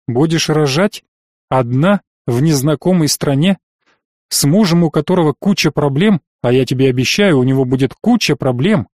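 A man's voice: fairly high pitch, animated, moderate pace, darkish tone, no echo, studio quality. Man voicing a domineering, menacing noble father. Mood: coldly persuasive. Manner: patronizing, then harsh and threatening. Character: domineering older nobleman father, cold, scheming. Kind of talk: audiobook character voice.

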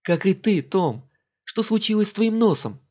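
A playful young woman who teases and mocks warmly, as a male narrator puts her on. The voice sits well above his own and jumps around brightly in a storybook reading. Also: high-pitched, lively intonation, moderate pace, voice pushed up. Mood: teasing. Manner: playful, mocking, warm. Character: lively teasing young English woman.

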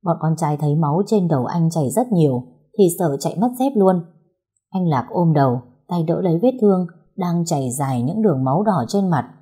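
A woman reading a story aloud as its narrator in a steady, even way. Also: deep voice, a little fast, husky.

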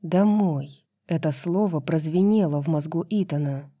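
A woman narrating an audiobook in a low, mellow voice. Her reading is even and measured, with a dry, close studio sound. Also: dry recording.

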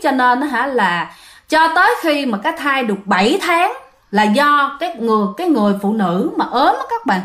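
A woman's voice: sits high, a bit bright. A woman with a Southern Vietnamese accent telling a ghost story in a chatty way, often addressing her listeners directly. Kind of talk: casual spoken ghost storytelling.

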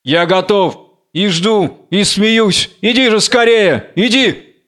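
A man's voice: high-pitched, slow pace, a bit bright, pitched above the performer's own voice. Samson, a man doing a raging blind prophet. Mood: exalted taunting. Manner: wild, exalted, taunting declamation. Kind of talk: theatrical audiobook reading.

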